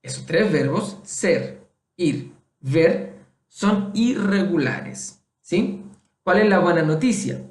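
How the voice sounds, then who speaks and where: A man's voice: high-pitched, animated, slow, echoey room. A man teaching a casual Spanish lesson, patiently repeating and checking in with the listener. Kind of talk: casual online Spanish lesson for Portuguese speakers.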